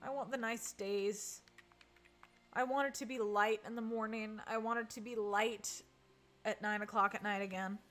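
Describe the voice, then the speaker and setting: A woman's voice: mid-range voice, fairly even intonation, moderate pace, a bit bright, soft background music. A woman chatting casually on a live stream while playing, reading and answering chat and groaning at misses. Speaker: game streamer.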